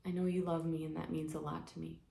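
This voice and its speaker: Woman voicing her grateful grown daughter, softly. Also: sits low, level tone, fast talker, gravelly. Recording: echoey room with faint ambience.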